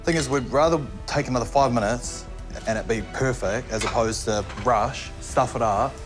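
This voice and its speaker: New man, cooking-show contestant, easygoing but stubborn, mid-pitch voice, music behind. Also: normal speed. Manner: laid-back, pushes back. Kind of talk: reality TV kitchen talk. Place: busy competition kitchen. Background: background music.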